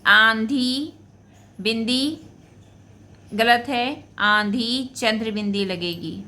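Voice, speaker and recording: A woman teaching a spelling lesson, saying each word, then repeating it slowly as she explains the correction. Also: fairly high pitch, sharp tone, a little hiss or hum. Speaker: Hindi teacher. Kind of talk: spelling lesson for school students.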